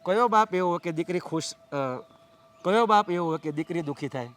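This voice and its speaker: A middle-aged actor playing a humble father who pleads earnestly and tries to calm others. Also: high voice, normal speed. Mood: pleading. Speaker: actor in a family drama.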